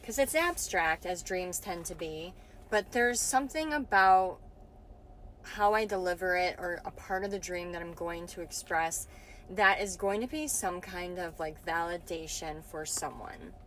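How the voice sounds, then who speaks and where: Woman, slow delivery, casual dream recounting, hesitant word-searching, frequent filler "like", noticeable background noise. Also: on the low side, fairly bright tone, poor audio. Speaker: vlogger.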